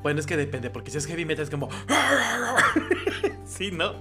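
A man with a Mexican accent co-hosting a podcast in casual chat, playful and quick to burst into shouts and sung snippets. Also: fairly high pitch, music in the background. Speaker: podcast co-host.

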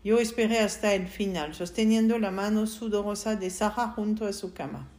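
A woman reading a novel aloud in first person, in a soft and subdued voice. Her pitch sits in the middle of the range, and she reads steadily, without theatrics. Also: fairly even intonation, moderate pace. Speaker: audiobook narrator. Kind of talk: first-person audiobook narration.

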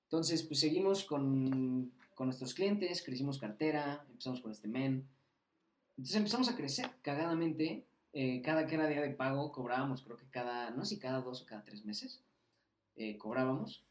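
A man's voice: mid-range voice, moderate pace. Slangy Mexican man telling a story, roomy sound. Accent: Mexican Spanish. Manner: slangy, swearing, animated anecdote with acted quotes. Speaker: podcast guest. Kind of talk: casual storytelling. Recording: roomy echo.

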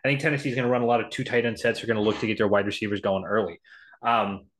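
A man's voice: on the low side, fairly even intonation, racing, fairly bright tone. Man, podcast co-host, casual sports talk, lots of stats, ums and restarts. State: has the hiccups.

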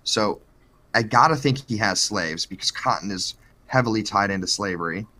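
A man telling a true-crime story on a casual podcast, joking and swearing as he goes. His voice sits a bit low but has a bright, forward edge. His delivery is loose and chatty, with plenty of fillers. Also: moderate pace. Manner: joking, profane, lots of fillers.

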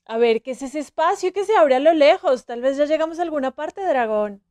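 A man voicing a spirited young princess who talks in a lively, teasing way. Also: very high-pitched, fairly quick, voice pushed up. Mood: eager.

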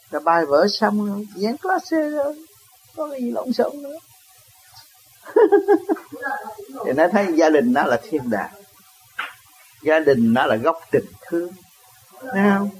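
Answering a question during a dharma talk, a spiritual teacher with a Southern Vietnamese accent chuckles often and keeps asking rhetorical questions. His pitch is fairly high, and the rough recording has slight background noise.

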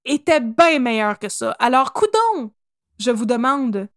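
A high-voiced woman with a Québécois accent tells a history story as a podcast host. Her delivery is animated and jokey. The recording is dry and close. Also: measured pace, dry recording. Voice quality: animated, jokey, laughs often.

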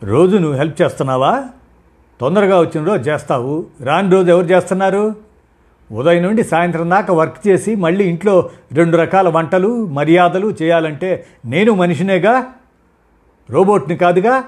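A proud working wife, quick to anger, her voice raised high and loud with a breathy rasp. She argues indignantly and will not back down, as a male storyteller puts her on. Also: expressive. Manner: shouting, indignant, heated. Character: angry young working wife, proud, sharp-tongued.

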